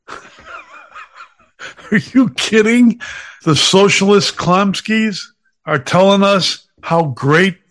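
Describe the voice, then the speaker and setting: A man's voice: high-pitched, sharp tone. A man from Chicago hosting a podcast, reading sponsor spots and sounding off in a sarcastic, combative way. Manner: sarcastic, combative, slips into mocking voices. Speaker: podcast host. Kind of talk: opinionated podcast monologue with sponsor reads.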